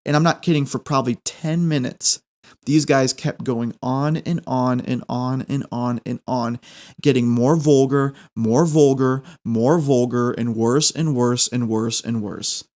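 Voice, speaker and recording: A man's voice: medium pitch, steady tone, measured pace, darkish tone. Self-deprecating man telling a rambling story. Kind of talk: casual anecdotal storytelling.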